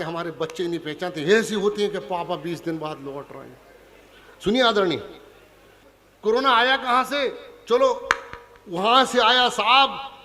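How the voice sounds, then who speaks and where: A bright, forceful, high male voice belongs to a Punjabi comic poet working a large hall. He teases the audience directly as he performs his funny poems. It's a live stage recording with the crowd audible.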